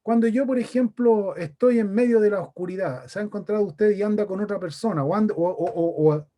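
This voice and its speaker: A man's voice: high voice, brisk, warm tone. A man from Chile with a Chilean accent preaching a sermon, talking in a conversational way and asking his listeners questions. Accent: Chilean Spanish. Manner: conversational, asks the congregation questions. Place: church meeting room.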